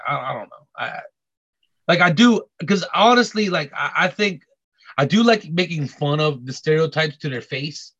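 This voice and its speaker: A man chatting casually on a podcast, halting with many restarts and repeated words. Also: a little high, expressive, a bit bright, husky. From Korean heritage. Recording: dull lo-fi audio.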